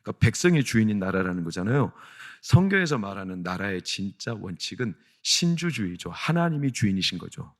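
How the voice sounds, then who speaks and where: A middle-aged man preaching a sermon as senior pastor in a church, asking the congregation questions and answering them himself, with loud, high peaks of emphasis. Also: big pitch swings, a little fast. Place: church sanctuary.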